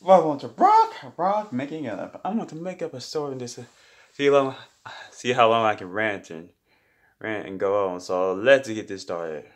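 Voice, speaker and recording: A man's voice: lowish voice, moderate pace. A man improvising a silly story off the top of his head, rambling with many restarts and repeated words.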